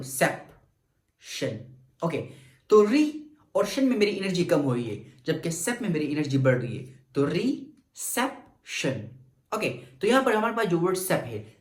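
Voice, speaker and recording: Male teacher, animated pitch, drawn-out word drills, roomy echo. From Pakistan. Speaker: English teacher. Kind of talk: grammar lecture mixing Urdu and English. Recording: echoey room.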